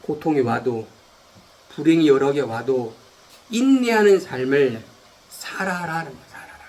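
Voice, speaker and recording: A man's voice: lively intonation, moderate pace. A man, a pastor, preaching a sermon, repeating key words and asking and answering his own questions. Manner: swings between loud emphatic lines and quiet low ones.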